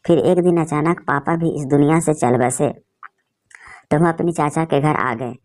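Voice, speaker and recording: A woman narrating an emotional story in a steady, feeling storytelling manner. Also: sits low, a little slow.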